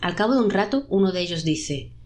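A woman narrating a dark story, voicing the trapped souls in a raised, pleading pitch. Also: lively intonation, a little fast.

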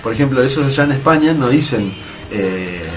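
Joking Argentine radio host. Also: male voice, medium pitch, animated, a little fast, faint music behind. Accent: Argentine Spanish. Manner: jokey, puts on mock accents. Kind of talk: casual banter.

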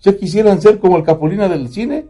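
Man putting on a foul-mouthed protective mother, Mexican accent, high blunt voice, dark tone. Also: fairly quick. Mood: reassuring.

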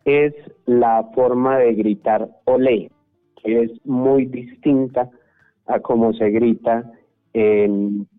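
A Colombian man with a Colombian Spanish accent, speaking at a middle pitch. He explains his points at a measured pace as a radio panelist. His voice comes over a narrow, phone-like line with faint music underneath. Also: fairly even intonation.

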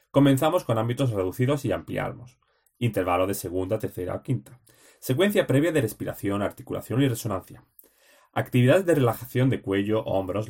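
A man's voice: medium pitch, a little mellow, breathy edge. A man reading study notes aloud for a teaching exam, in terse, list-like phrases with short headings.

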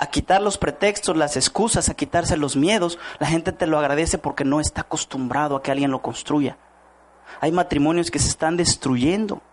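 A man giving a motivational talk to an audience, asking rhetorical questions and acting out quoted voices. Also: on the high side. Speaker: network marketing speaker.

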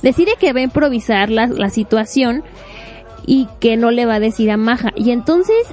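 A woman casually recapping a webtoon plot, animated and full of fillers. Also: on the high side, normal speed. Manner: animated, acts out quotes, fills with este.

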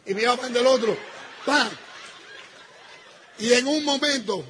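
A man telling an audience a personal story, acting out the dialogue and swinging between loud outbursts and hushed asides. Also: very high-pitched, moderate pace, a faint crowd, a little hiss or hum. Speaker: speaker telling his business story to an audience.

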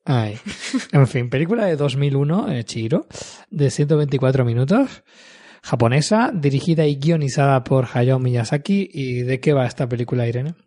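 A man's voice: medium pitch, animated, moderate pace, dark tone. A man hosting a casual podcast, chatty and self-mocking, who often restarts his sentences. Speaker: podcast host. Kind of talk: casual chat.

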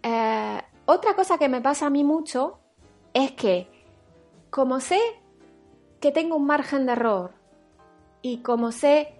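A woman from France giving a reflective recorded talk as a spiritual teacher, animated, acting out her inner voices and checking in with the listener. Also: high-pitched, takes it slowly, pauses often, faint music behind.

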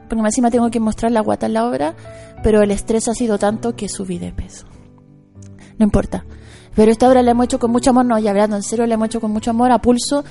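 Chilean woman co-host, joking and slangy, higher voice, music faintly behind. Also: mellow. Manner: chatty, jokey, slangy. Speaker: co-host, actress promoting her play. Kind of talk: casual radio chat.

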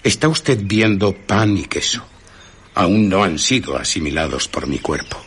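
An actor playing an invisible man who talks calmly and curtly, with a menacing edge, in a radio drama. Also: low-pitched, measured pace, slight background noise, full character voice. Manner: calm, curt, menacing. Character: invisible man, impatient and commanding.

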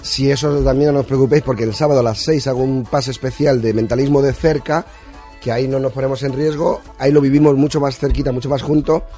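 A man's voice: medium pitch, steady tone, fast, warm tone, faint music behind. A man from Madrid, a mentalist guest on a radio show, telling stories earnestly with small hesitations. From Madrid, Spain. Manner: earnest, storytelling, a little hesitant. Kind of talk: radio interview. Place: radio studio.

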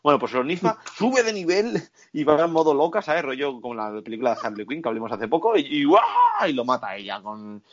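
A man retells a film plot in animated, foul-mouthed casual chat, checking in with the listener every few lines. His voice sits in an ordinary middle range. The recording is slightly dull and lo-fi. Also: mid-range voice, brisk. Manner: animated, profane, tags lines with "¿vale?".

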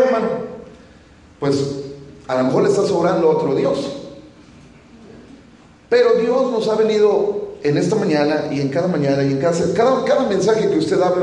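A man's voice: high voice, a little mellow. A man preaching a sermon in church, speaking earnestly and often addressing the congregation as brother. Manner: earnest, addresses listeners as "hermano". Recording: echoey church hall from a distant mic.

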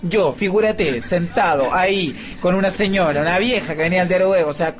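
A man with a Chilean accent, a radio comedy host telling anecdotes in a boastful, swinging manner. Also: fairly quick. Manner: boastful, swinging between high and low. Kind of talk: casual banter, telling anecdotes. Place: radio studio.

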